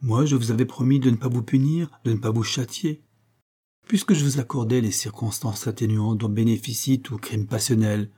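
A man's voice: medium pitch, steady tone, normal speed, mellow, natural voice. A man reading an audiobook and voicing a suave, cruel master criminal who mocks his victim with false politeness. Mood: cold. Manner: smooth, mocking, falsely polite.

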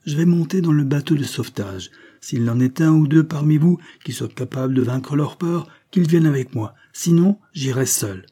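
A man voicing a brave, commanding young gentleman who speaks with scorn and resolve in a storybook reading. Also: mid-range voice, normal speed, slightly rough, natural voice. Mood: scornful.

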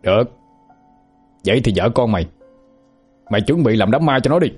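A man's voice: lowish voice, animated, fairly quick, darkish tone, breathy edge, faint music behind. A man voicing a cruel, swaggering male loan shark in a spoken story, talking in a taunting, contemptuous way. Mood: menacing.

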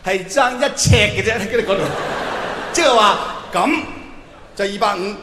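A middle-aged Cantonese-speaking comedian from Hong Kong performs live at normal speed, his voice sitting high. He banters colloquially and puts questions to the big arena crowd, with the PA sound echoey, noisy and long in reverb.

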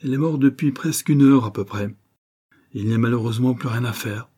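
A man's voice: mid-range voice, fairly quick, dark tone, breathy edge, lightly acted. A man doing a matter-of-fact young doctor. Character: calm young male emergency doctor.

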